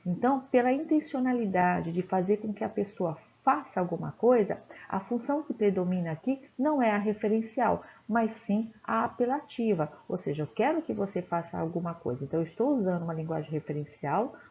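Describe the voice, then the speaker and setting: A woman's voice: mid-range voice, animated, a little fast, vocal fry, few pauses, a little mellow, a little hiss or hum. A woman teacher, giving a classroom lecture and checking in often with her listeners. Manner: explanatory, checks in with "tá?" and "né?". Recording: dull, lo-fi recording.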